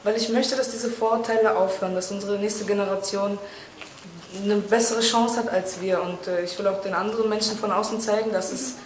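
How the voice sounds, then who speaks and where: A twenty-three-year-old woman from Berlin answering interview questions fluently and calmly. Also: mid-range voice, moderate pace. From Berlin, Germany. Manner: fluent, composed. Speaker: local youth council member. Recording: roomy, distant mic, faint noise.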